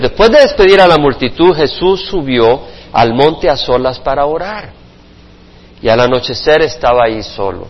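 A male pastor preaching a Bible study sermon to a congregation, expressive, with playful sound effects and acted quotes. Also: a little high. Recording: muffled reverberant church recording.

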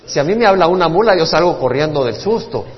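A man's voice: on the high side, fast talker, long reverb tail, lo-fi sound. A male pastor, preaching and retelling Bible stories emphatically. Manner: storytelling preacher, animated and emphatic. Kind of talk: sermon Bible teaching.

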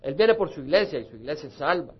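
Male pastor, fairly high voice, passionate sermon delivery that swells and drops, slightly dull recording. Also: big pitch swings, quick pace, breathy edge. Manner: impassioned preaching, swinging from soft to loud.

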